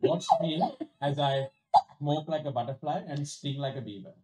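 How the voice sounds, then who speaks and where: A woman's voice: very deep voice, moderate pace, warm tone, voice pushed down, low-quality recording. A woman voicing a boastful drunken kung-fu master in a game stream, grand and theatrical.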